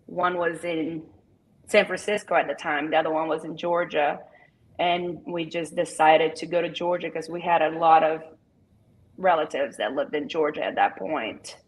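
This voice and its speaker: A woman's voice: sits low, fairly even intonation, moderate pace, rough recording. A woman in her thirties from Brazil with a Brazilian accent and Portuguese as her first language, chatting easily and laughing as an interview guest. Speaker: guest, business owner. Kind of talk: casual interview chat.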